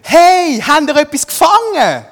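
A preacher acting out Jesus as a playful, teasing grown man who calls out loudly. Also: very high-pitched, very animated, a little slow, in a large hall, pitched above the performer's own voice, full character voice.

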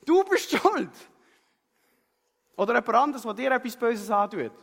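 A male pastor with a Swiss German accent preaches in a lively storytelling way, checking in with the congregation after nearly every sentence. His voice sits very high and swings widely in pitch. The sound carries the long reverb of a large hall. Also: normal speed, creaky. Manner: lively storytelling, frequent tag questions. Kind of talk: sermon with a personal story.

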